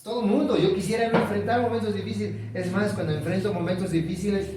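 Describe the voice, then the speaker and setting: A man's voice: high-pitched, steady tone, fast talker, very echoey, recorded from a distance, background noise. A man preaching a sermon, asking the congregation questions and repeating key words.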